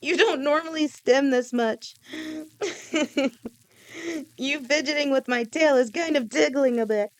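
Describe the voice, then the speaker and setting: A woman's high-sitting voice brings to life a young, devoted lamia with a snake tail, the listener's girlfriend in an audio roleplay. She addresses her partner softly and affectionately, halting and stammering now and then.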